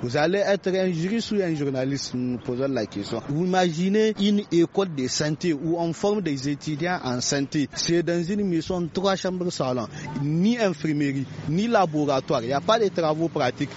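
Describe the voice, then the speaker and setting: A man's voice: on the high side, darkish tone, slight background noise. A man making an indignant public statement full of rhetorical questions. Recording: dull lo-fi recording.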